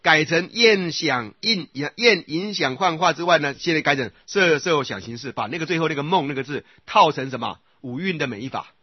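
Husky-voiced man teaching Buddhist scripture. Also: a little high, expressive, no echo, highs cut off. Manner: often checks with listeners by asking "right?"; recites sutra phrases in slow repeated cadence. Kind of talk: sutra lecture.

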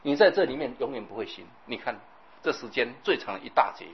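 Husky man preaching. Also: mid-range voice, a little fast, dull audio. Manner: animated storytelling, acts out scenes, keeps asking the audience "right?". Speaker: Buddhist preacher. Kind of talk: sermon.

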